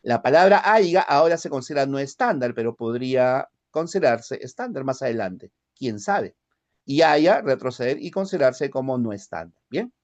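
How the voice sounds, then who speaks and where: Lively Peruvian man lecturing a class. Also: mid-range voice, normal speed, lo-fi sound. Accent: Lima Spanish. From Peruvian highlands. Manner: checks in often with tag questions. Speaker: language teacher.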